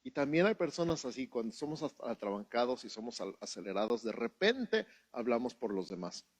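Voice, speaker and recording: A man's voice: medium pitch, brisk, no room sound. A man with a Mexican accent preaching a sermon at a church service, telling stories and acting out what people said. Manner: animated storytelling with acted-out quotes. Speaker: pastor.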